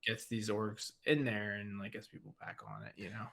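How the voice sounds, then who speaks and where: A man's voice: lowish voice, moderate pace, creaky, a bit bright. Rambling man chatting on a podcast. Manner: rambling, heavy use of "like" and "you know". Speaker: podcast co-host. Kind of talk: casual chat.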